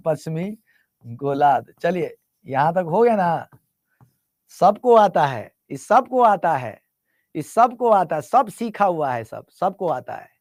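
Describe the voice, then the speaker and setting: A man's voice: high voice, a little mellow, dry recording, clean studio sound. Male teacher quizzing a class. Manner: repetitive call-and-response questioning; teasing, mixes English terms into Hindi. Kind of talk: classroom lecture.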